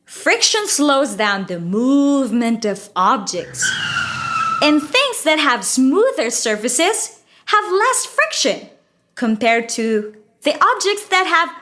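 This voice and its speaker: A woman's voice: high-pitched, very animated, slow pace, a bit bright, slight background noise, exaggerated voice. A woman playing a knowledgeable, teasing young female friend who patiently explains science in an educational audio drama. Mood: patient, explanatory.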